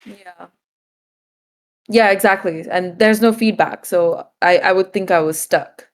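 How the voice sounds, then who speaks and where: A woman's voice: lowish voice, a little slow. A woman giving blunt, teasing feedback on a game in a casual chat.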